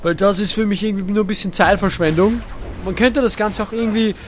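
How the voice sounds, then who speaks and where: A man giving playful, hammy gameplay commentary, dropping in English phrases and sudden shouts. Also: sits high, fairly even intonation, fast talker, a little hiss or hum. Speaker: let's play gamer.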